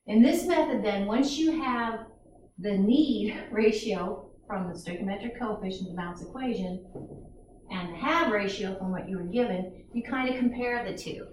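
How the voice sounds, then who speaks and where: A woman's voice: medium pitch, slight background noise. Woman teaching a chemistry class. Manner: chatty, asks students questions. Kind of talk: classroom lecture. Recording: echoey classroom recording.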